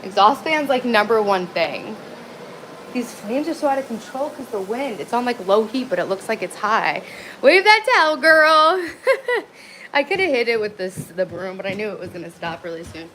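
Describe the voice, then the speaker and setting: A woman live streams from home on her phone, chatting and rambling casually with viewers in a blunt, easily sidetracked way. Her mid-range voice moves at a normal speed as she walks between rooms, the phone mic moving with her, with faint background noise.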